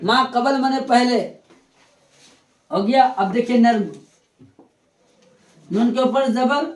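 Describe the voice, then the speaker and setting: A man with an extremely high-pitched voice takes his time as he leads a grammar lesson, going over terms repeatedly and quizzing the class. The room has a board, and the recording sounds echoey.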